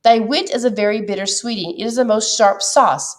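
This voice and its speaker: A woman's voice: fairly high pitch, fairly quick. A woman reading every part of a play aloud and stopping to explain it to students. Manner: reads every part herself, shifting between characters. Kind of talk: dramatic reading with commentary.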